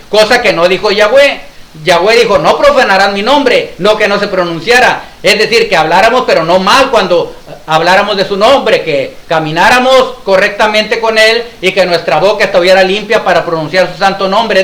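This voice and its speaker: A man's voice: sits high, pushed and bright. A man preaching a sermon, emphatic, asking rhetorical questions and repeating his points. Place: congregation hall. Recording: echoey room.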